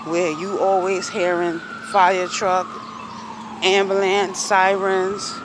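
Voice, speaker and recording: A woman chats to her phone while walking outside. She takes her time, thinking aloud and circling back over her phrases. Her voice sits at a medium pitch, with clear street and traffic noise around it. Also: little pitch movement, slow pace. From New York City. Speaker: vlogger. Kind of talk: casual walking vlog chat. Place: outdoors, walking along busy city streets. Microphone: phone at arm's length. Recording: noisy outdoor city street recording.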